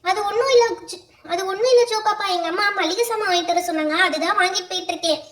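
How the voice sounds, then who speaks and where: A woman voicing a sly young woman who makes hurried, evasive excuses in a doll comedy. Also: very high-pitched, a bit bright. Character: sly young woman hiding her food. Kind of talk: doll-show voice acting. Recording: echoey room.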